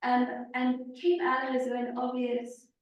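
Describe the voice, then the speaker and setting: A woman with a fairly high voice answers a panel question in a measured, scholarly way, stopping often on an um. She is far from the microphone, and the echo in the room is heavy. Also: completely flat delivery, highs cut off. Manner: measured, with many ums. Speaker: conference panelist. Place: conference room. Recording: echoey room, far from the mic.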